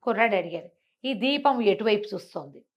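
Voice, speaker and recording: Speaking fairly quickly in an animated, medium-pitched voice, a woman narrates a moral tale out loud. She brings it to life by acting out the dialogue and explains her points with rhetorical questions.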